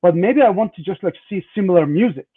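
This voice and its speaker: Over a thin, phone-like line, a man with a fairly high voice practices his sales pitch as a startup founder. He talks informally and rambles, padding his phrases with "like" and "just" all the way through. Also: lively intonation, quick pace, breathy edge. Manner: says "like" and "just" constantly. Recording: narrow phone-like call audio.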